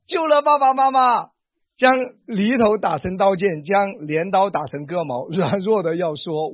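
Guy pastor preaching, husky highish voice, dry kinda dull sound. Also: dry recording. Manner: animated preaching, acts out quoted lines. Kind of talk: sermon.

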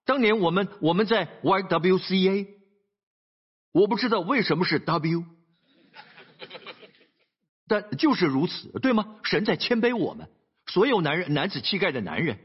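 High, lively male preacher. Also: normal speed, pauses often, slightly rough, lo-fi sound. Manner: animated storytelling preacher, rhetorical asides. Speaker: pastor. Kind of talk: sermon.

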